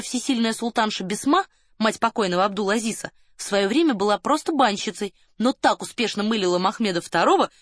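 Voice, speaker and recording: Brief: woman narrator, mid pitch, very dry close studio sound, steady audiobook reading. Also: no room sound. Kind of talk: scripted narration.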